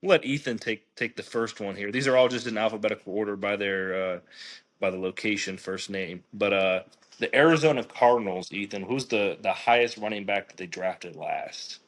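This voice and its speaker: A man's voice: fairly low pitch, normal speed, a bit bright. A man hosting a casual podcast, running a sports trivia game with lots of fillers and restarts. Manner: chatty, lots of fillers and restarts while reading quiz.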